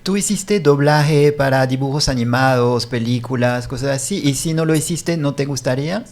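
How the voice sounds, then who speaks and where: A man from Europe with a light, not deep voice, hosting a radio interview in a jovial way and laughing easily. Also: normal speed. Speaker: radio host.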